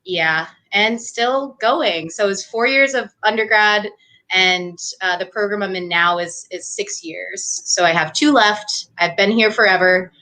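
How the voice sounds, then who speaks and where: A young adult doctoral student from New Hampshire, USA, chats casually as an interview guest, often using fillers and laughing. Her mid-range voice is unhurried, pushed and bright, and the audio is poor.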